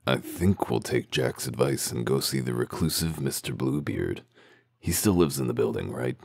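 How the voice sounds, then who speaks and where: A man playing a gruff, world-weary wolf detective in a comic dub, with gravelly voice and dry, sardonic, interrogating delivery. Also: rumbling low, expressive, moderate pace, dry recording, full character voice. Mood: calm, reassuring.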